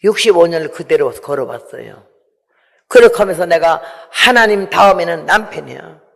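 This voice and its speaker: Speaking in a big hall with long reverb, an elderly woman in her 80s gives a heartfelt missionary testimony and performs the conversations she recalls. Her voice is on the low side and animated, at a moderate pace with noticeable vocal fry.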